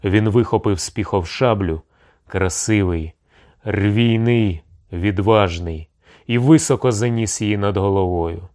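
A man narrating an audiobook in a slow, measured storytelling manner. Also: on the low side, darkish tone.

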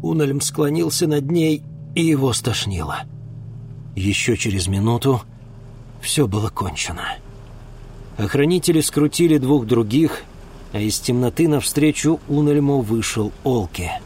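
A man calmly reading an audiobook as the narrator. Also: mid-range voice, a little slow, slight background noise.

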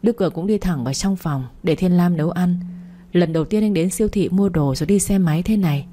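A woman reading a romance story aloud as a narrator. Her voice is lowish, warm and mellow, with a husky grain, delivered at a steady storytelling pace. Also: fairly quick. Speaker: audiobook narrator.

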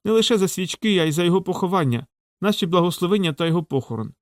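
Teen boy all sad and earnest, reader doing him, voice pushed high, dry close sound. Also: animated, rapid-fire, dry recording. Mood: mournful. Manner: solemn, explaining with feigned grief. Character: teenage boy con artist, earnest and mournful.

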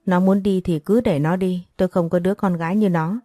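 A woman reading the lines of a stubborn, proud elderly father in a storybook narration, stern and gruff. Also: on the low side, fairly even intonation, fairly quick, warm tone, no room sound, clean studio sound, natural voice. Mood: harsh.

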